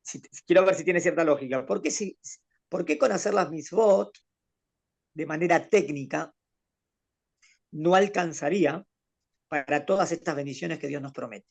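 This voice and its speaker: Man teaching with a gravelly voice. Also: fairly high pitch, normal speed, pauses often. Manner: explains patiently, poses questions to the student. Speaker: rabbi teaching a Torah class. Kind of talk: conversational Torah lesson with a student.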